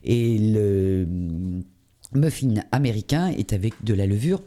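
A man's voice: lowish voice, expressive, unhurried, mellow. A man hosting a cooking show, talking through a recipe with many hesitations and fillers. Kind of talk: live cooking demonstration.

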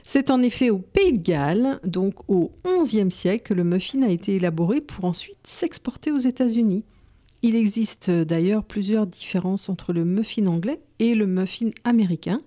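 A woman, a co-host on a cooking show, reading prepared notes aloud in a measured way. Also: medium pitch, animated, warm tone.

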